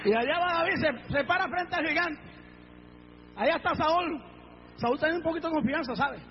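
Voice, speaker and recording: High-pitched guy preaching hard, shouting aleluya, muffled lo-fi recording. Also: normal speed. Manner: fervent, shouting praise, dramatic storytelling. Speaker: pastor. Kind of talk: sermon. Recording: dull lo-fi recording with faint noise.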